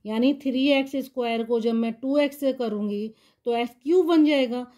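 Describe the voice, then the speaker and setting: A woman's voice: a little high, moderate pace, dark tone. A woman maths teacher explaining polynomial division step by step, patiently asking the class questions and answering them herself.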